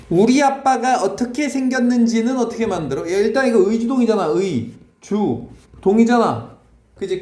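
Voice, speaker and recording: A man teaching an English grammar lesson in a classroom, quizzing his students in a brisk way and switching between Korean and English. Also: sits high, a little mellow, echoey room, slight background noise.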